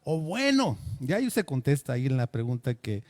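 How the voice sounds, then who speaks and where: A man's voice: medium pitch, very animated, brisk, no echo. A man preaching a sermon, earnest and asking his listeners questions. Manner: earnest, asks the congregation questions.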